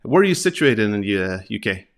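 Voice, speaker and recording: A man hosting a casual interview, asking questions in a halting way and often rephrasing them. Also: on the low side, very animated. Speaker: interviewer, host.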